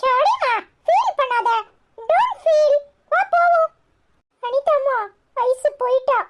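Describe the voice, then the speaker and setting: A woman's voice: expressive, takes it slowly, heavily acted. Woman as small cartoon boy: Tirunelveli accent, piping voice, chatty, cheeky, caring. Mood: coaxing. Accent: Tirunelveli Tamil. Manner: chirpy, high-pitched childish chatter.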